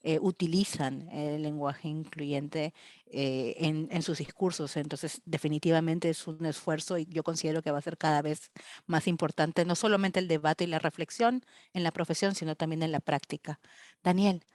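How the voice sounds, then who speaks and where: Female panel host, notably low voice, dry sound, careful and wordy conversational delivery. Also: fairly even intonation, normal speed, a little mellow, no room sound.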